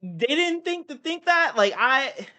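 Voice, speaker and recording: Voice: sits high, sing-song, a little slow, pushed and bright. A young adult streamer chatting casually in a slangy, repetitive, exclamatory way. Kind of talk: casual reaction chat.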